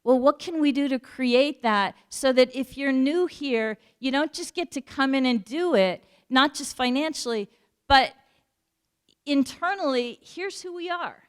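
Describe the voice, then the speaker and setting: A woman giving a community talk, earnest and searching for words with fillers and pauses. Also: high-pitched, clean tone. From United States. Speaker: panel speaker.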